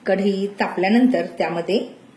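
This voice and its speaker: A woman hosting a cooking channel, calmly walking through a recipe step by step in a home kitchen. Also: medium pitch, moderate pace. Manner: calm, step-by-step instructive. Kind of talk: recipe narration. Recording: echoey kitchen, faint noise.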